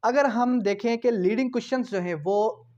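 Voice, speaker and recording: In a noticeably high but darkish voice, a male law teacher with a Pakistani accent gives an explanatory lecture at a moderate pace, mixing Hindi-Urdu with English legal terms. He teaches step by step in a didactic, repetitive manner, repeating terms and answering his own questions. The recording is somewhat dull and lo-fi.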